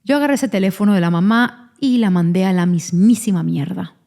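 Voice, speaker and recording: A woman's voice: mid-range voice, fairly quick, gravelly, dark tone. A woman hosting a podcast, telling a painful personal story frankly and openly, with restarts as she goes. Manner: frank, confessional, openly vulnerable; rambling restarts while recounting. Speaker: podcast host; mother of twins.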